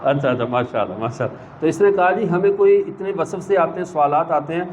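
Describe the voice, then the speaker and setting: A man giving a religious talk, telling stories and acting out the people in them. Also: a little high. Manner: animated storyteller who acts out the people in his anecdotes. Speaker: religious speaker. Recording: slightly dull recording with faint background noise.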